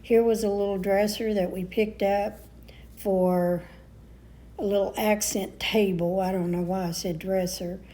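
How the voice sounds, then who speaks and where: A woman's voice: medium pitch, fairly even intonation, a little slow, dark tone, rough recording. A middle-aged woman chatting casually in a home vlog, homey and full of little fillers. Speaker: vlogger and booth reseller.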